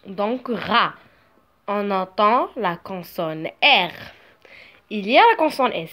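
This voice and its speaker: A woman's voice: mid-range voice, lively intonation, sharp tone. A woman teaching a beginner reading lesson, sounding out syllables and letters one at a time. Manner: slow, syllable by syllable. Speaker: French teacher.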